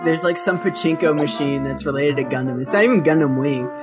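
A man co-hosting a casual podcast, joking around with playful slang and quick banter. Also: on the high side, over music. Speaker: podcast co-host.

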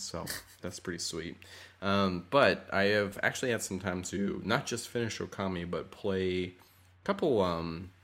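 A man co-hosting a podcast in a casual, rambling way, recorded in a room with more echo than usual. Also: sits low. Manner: relaxed, rambling, with ums. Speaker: podcast co-host. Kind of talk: casual chat. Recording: echoey room.

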